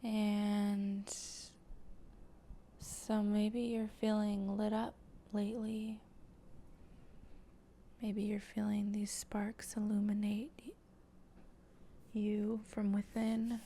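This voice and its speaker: A woman leading an improvised guided meditation in a soft, breathy voice that often slips toward a whisper, speaking gently and haltingly with long pauses. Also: mid-range voice, monotone, a little hiss or hum. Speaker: guided meditation host and channeler.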